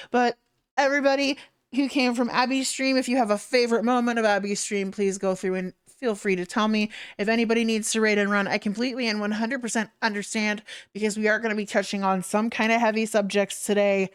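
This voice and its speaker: A woman hosts a game livestream with a casual, conversational monologue. Her voice is clean and smooth, sitting at an average pitch as she addresses her viewers.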